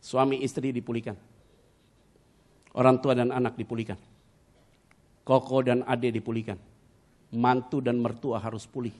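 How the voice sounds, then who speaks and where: A middle-aged male pastor preaching a sermon, telling personal stories dramatically with sudden loud bursts and English words mixed in. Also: medium pitch, level tone, normal speed, pauses often.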